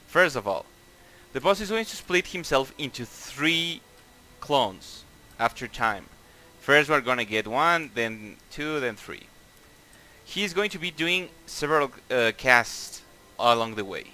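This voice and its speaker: A man with a Mexican accent leads a game raid over voice chat, explaining boss tactics casually, with swearing, lots of fillers and restarts. His voice is medium-pitched with a sharp tone.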